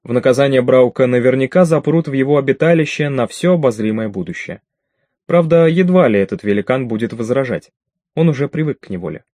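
A man reads a science-fiction novel aloud at a steady, measured pace. His voice sits in the middle range, and the recording is dry and close, with no room sound. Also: mid-range voice, no room sound. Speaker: audiobook narrator. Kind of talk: scripted narration.

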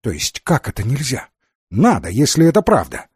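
A tense, defiant young husband, curt and insistent, read by a male narrator. The voice is slightly husky and lively. It is recorded close and dry. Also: medium pitch, normal speed, no echo, heavily acted.

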